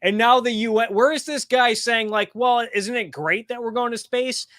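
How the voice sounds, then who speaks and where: A man's voice: very high-pitched, normal speed, a bit bright, no room sound, clean studio sound. A man hosting a casual political chat, blunt, reading out tweets. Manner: blunt, reads tweets aloud. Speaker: host.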